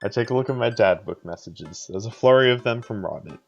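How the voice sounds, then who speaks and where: Dude streaming a game, rambly chill talk, kinda muffled audio. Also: male voice, on the low side, expressive, a little fast, creaky, soft background music. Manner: casual, rambling, laughs often. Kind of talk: casual let's play chat and narration.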